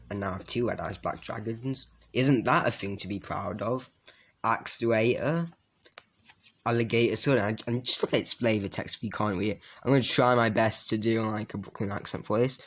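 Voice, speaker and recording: A man with a fairly low voice reviews a trading card deck in a relaxed way. He reads out card names one after another and drops in quick, filler-laden asides about each card.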